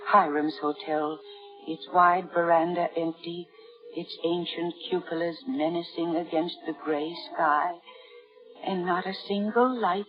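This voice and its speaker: In a muffled vintage radio broadcast with music, an actress in a 1950s radio drama plays a timid, naive, lovestruck spinster of sixty who keeps a diary. Her female voice sits on the low side and stays close to everyday speech, and she narrates the diary breathlessly, hesitantly and dramatically.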